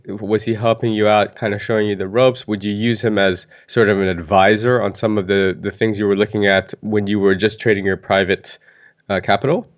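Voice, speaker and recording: A man hosting a business interview podcast, reading a polished intro and then asking questions with frequent restarts and fillers. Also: fairly low pitch. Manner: hesitant, restarts words when ad-libbing. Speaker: podcast host.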